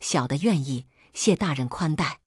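A woman's voice: low voice, animated, moderate pace, darkish tone, slightly rough, no room sound, clean studio sound, exaggerated voice. A woman voicing a humble, contrite male scholar who speaks deferentially.

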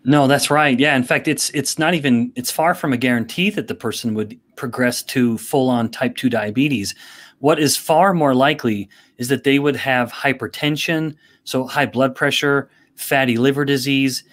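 A man as a podcast guest, explaining things in a measured, careful way. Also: mid-range voice, a bit bright. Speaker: guest expert. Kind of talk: podcast interview.

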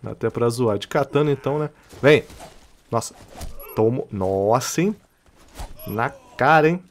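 A Brazilian man with a Rio de Janeiro accent commentating his own gameplay in a casual, excitable way. His pitch leaps around a lot as he shouts taunts and laughs, then drops back into chatty asides. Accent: Brazilian Portuguese, Rio de Janeiro. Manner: excitable, yelling taunts at enemies, quick laughs. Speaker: gaming channel host.

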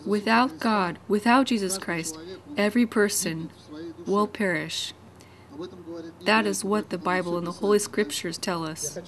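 A woman's voice: medium pitch, crowd noise. Earnest woman narrating a church voice-over. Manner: earnest, measured preaching tone. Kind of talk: read church introduction voice-over.

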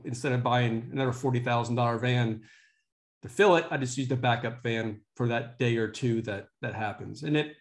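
A man who runs vanpools, explaining his plans in a measured way during a video call meeting. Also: mid-range voice. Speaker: vanpool operator.

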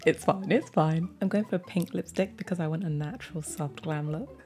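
A woman's voice: fairly low pitch, moderate pace, crowd noise. A young woman chatting casually and playfully through a makeup tutorial as a beauty vlogger. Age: young adult. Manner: playful, giggly, self-mocking. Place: indoors, plain room, close to the camera.

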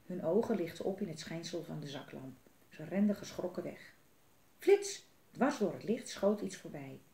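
A woman reading a children's book aloud in a lively, expressive way. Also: fairly low pitch, normal speed, reverberant. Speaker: storyteller.

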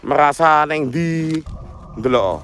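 A man's voice: a little high, animated, takes it slowly, a bit bright. A young man with an East Javanese accent guiding a night-time ghost hunt outdoors, coaxing his companion along and chanting greetings to spirits. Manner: coaxing, repeats prompts, laughs easily. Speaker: paranormal guide. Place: outdoors at night by a forest pool.

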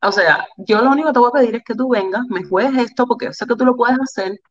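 A woman with a Cuban Spanish accent, a volleyball player telling her life story as an interview guest, candid and animated, repeating phrases for emphasis. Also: fairly high pitch, fast talker, highs cut off. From Cuba.

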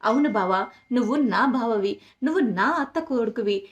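A woman's voice: a little high, normal speed, close to an everyday voice. A woman voicing a scheming, manipulative young woman in a serial recap, with insinuating questions.

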